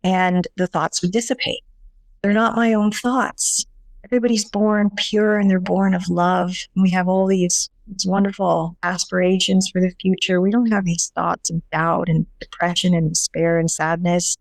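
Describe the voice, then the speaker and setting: A woman's voice: on the low side, flat delivery, no room sound. Earnest woman telling her story, dry sound. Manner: earnest, halting with frequent restarts. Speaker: guest. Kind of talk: personal testimony in an interview.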